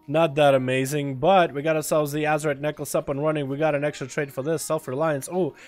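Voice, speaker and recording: A man's voice: fairly high pitch, level tone, quick pace, soft background music. A young man talking like a hyped frat bro, full of slang and swearing, in casual livestream gaming commentary. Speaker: video game livestreamer.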